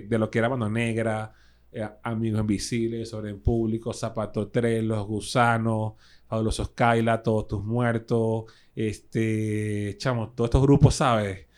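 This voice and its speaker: A man with a Caracas Venezuelan accent, a guest musician telling stories in animated, slangy casual chat with lots of fillers. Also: medium pitch. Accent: Venezuelan Spanish (Caracas).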